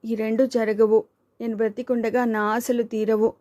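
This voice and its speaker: Woman reading timid tearful young woman, pleading, despairing, mellow tone, dry sound, audiobook. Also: on the high side, level tone, moderate pace, no echo, lightly acted.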